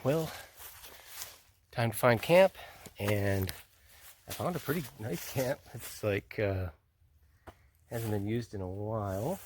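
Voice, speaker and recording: Low-voiced guy hiking and vlogging on his phone in the woods, rambly and chill, a bit winded, faint hiss behind. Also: slow, long pauses. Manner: rambling, laid-back, laughs often, swears casually. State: out of breath. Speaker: thru-hiker vlogging on the trail. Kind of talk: casual handheld trail vlog. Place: outdoors in wooded mountains. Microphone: phone camera held by hand.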